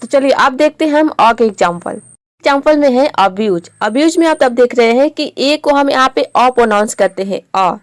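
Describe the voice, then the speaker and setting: Patient woman teacher, pitched a little high, dry and close, repeats every example word. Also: lively intonation, normal speed, no room sound. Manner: patient, explains step by step and repeats words. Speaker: English pronunciation teacher. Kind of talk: classroom-style video lesson.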